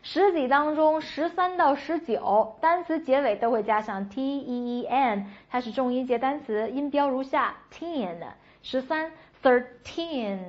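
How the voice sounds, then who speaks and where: Clear, emphatic woman teaching English. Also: high voice. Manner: clear, emphatic drilling with repeated model phrases. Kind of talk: online English lesson for Chinese learners. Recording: dull lo-fi audio.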